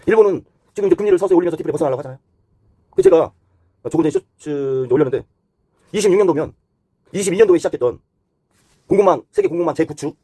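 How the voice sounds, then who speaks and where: Speaking extremely quickly, a male host offers unscripted explanations of the economy and finance, going point by point. His husky, gravelly voice has lively, shifting pitch, and his wording swings from polite to blunt. The recording is dry.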